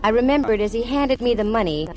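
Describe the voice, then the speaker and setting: With a fairly high, natural voice, a woman races along at a quick pace and lively intonation, playing a confident, wisecracking private eye. Her first-person noir narration is wry and sardonic, in 1940s radio-acting style. Music sits behind this vintage 1940s-50s radio recording.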